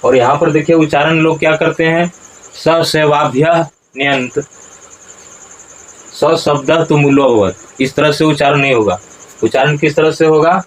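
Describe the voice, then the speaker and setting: A man teaching Sanskrit verse pronunciation, breaking words into syllables slowly and deliberately. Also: on the high side, a little hiss or hum, poor audio. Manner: slow, deliberate, syllable-by-syllable recitation. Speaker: Gita recitation teacher.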